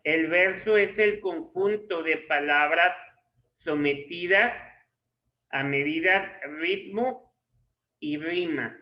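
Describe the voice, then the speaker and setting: A male literature teacher dictates a lesson at a very slow pace, in short measured phrases. His voice sits high for a man. The sound is dull and lo-fi, in an echoey room.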